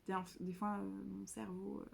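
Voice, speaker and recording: A woman's voice: mid-range voice, little pitch movement, normal speed, creaky, breathy edge. A young woman chatting casually as a book vlogger, self-mocking and rambling, with many fillers and restarts. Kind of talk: casual chat.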